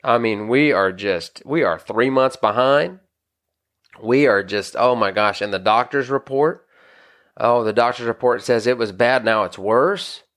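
On a podcast, a married pastor works through scripture with a slightly bright mid-range voice at a measured pace. His tone is earnest and chatty, marked by frequent restarts and repeated "you know"s.

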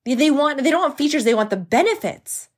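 Energetic woman podcast host coaching. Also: high voice, brisk. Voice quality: self-described crazy whiny voice. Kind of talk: solo podcast monologue.

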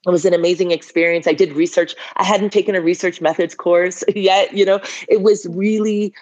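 A Liberian woman in her forties, with a voice low for a woman, appears as an interview guest and tells her story briskly, candidly and with frequent laughter. The audio sounds dull and lo-fi.

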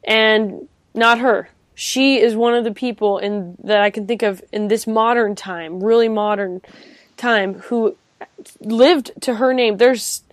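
A woman's voice: on the high side, fairly even intonation, slow, no echo. A woman talking enthusiastically about faith in a casual chat, often restarting her sentences. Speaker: co-host.

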